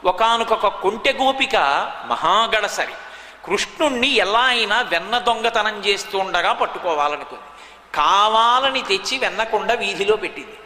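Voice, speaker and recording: Brief: a male spiritual speaker, emphatic storyteller, high and sharp-toned, reverberant hall. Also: expressive, normal speed. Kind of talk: devotional sermon with storytelling. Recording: echoey hall, long reverb.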